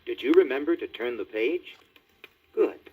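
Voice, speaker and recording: A man narrating a children's storybook record, with expressive, scripted delivery. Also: mid-range voice, moderate pace, phone-quality sound. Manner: animated, expressive.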